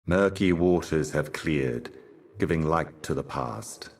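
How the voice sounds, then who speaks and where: An actor playing a solemn otherworldly herald of cosmic horrors in a video game, speaking in an ominous, grandiose and cryptic theatrical manner. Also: male voice, a bass voice, lively intonation, slow pace, full character voice. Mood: grave, cryptic. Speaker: game character, messenger and guardian.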